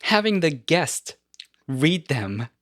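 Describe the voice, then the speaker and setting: A man hosting a podcast who tells stories in an animated, casual way and often laughs between his points. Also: a little high, slow, no echo, clean studio sound. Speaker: podcast host. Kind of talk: casual conversation.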